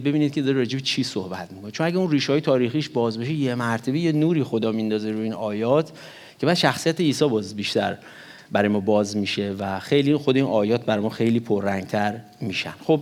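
A man delivers a sermon in a teaching voice at an ordinary middle pitch. He preaches with animated emphasis, rising sharply on key words, and mixes a few English terms into his speech. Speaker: pastor.

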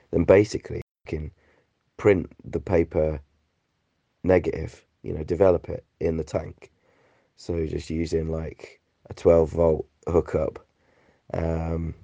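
Laid-back and full of swearing and slang, this voice note comes from a British man whose flu and phlegmy cough leave him sounding rattly and chesty. He sits low with vocal fry, a mellow tone, and a breathy edge, in a dry, dull lo-fi recording.

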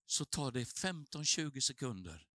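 A man's voice: medium pitch, sing-song, pushed and bright, no room sound. A male preacher giving a sermon at a revival meeting, telling a personal story with feeling and building to fervent exhortation.

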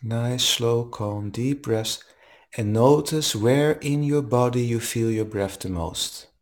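A man leading a guided meditation as a teacher, speaking in a calm, soothing manner with long pauses. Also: medium pitch. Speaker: meditation teacher leading a live online session.

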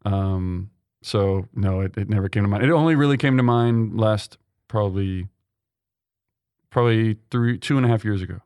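A young man from Texas talks about his path into the seminary in an earnest, halting way, full of ums and restarts. His voice sits fairly low. The sound is dry and close, with no room around it. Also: a little mellow, dry recording. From Texas, USA. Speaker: seminarian guest. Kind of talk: conversational interview.

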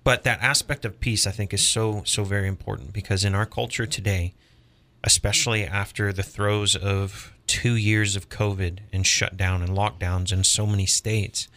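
Guy cohost, low pitch but a bright edgy tone, teacherly, quotes bible verses. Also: flat delivery. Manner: measured, teacherly, cites scripture. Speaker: podcast co-host. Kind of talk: preaching-toned discussion.

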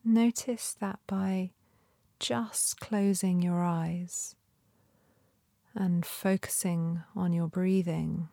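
Slow, soft-spoken woman guiding meditation. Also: lowish voice, fairly even intonation, vocal fry, dry recording, studio quality. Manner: gentle, soothing, unhurried instruction with long pauses. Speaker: meditation guide. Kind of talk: guided meditation.

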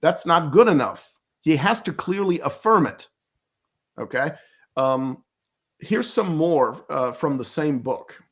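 This native German speaker, a guest commentator in an interview, talks slowly in a fairly high, animated voice. He comes across as emphatic and argumentative, often repeating words while reaching for the next one.

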